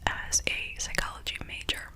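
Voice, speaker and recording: A middle-aged woman chatting casually in a soft, breathy ASMR whisper, rambling along with gum-chewing mouth sounds. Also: moderate pace. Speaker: ASMR video host.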